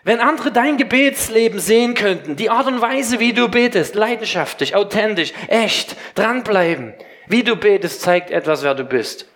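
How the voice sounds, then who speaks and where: A man's voice: sits high, normal speed. A middle-aged man preaching a sermon to a congregation in a church, speaking directly to listeners and telling stories about his children. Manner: lively storytelling preacher, direct address. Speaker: pastor.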